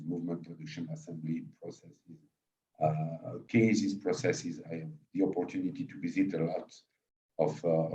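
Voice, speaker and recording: A middle-aged man from Switzerland, a company executive being interviewed, who talks in a halting way with repeated words and many fillers. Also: sits low, dark tone. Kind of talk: conversational interview. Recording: distant, roomy, dull remote audio.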